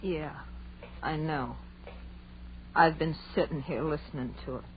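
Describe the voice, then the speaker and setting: An actress playing a guilt-ridden, resigned young woman in an old-time radio horror drama, halting and sombre. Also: low voice. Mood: resigned gloom. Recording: muffled, noisy vintage radio recording.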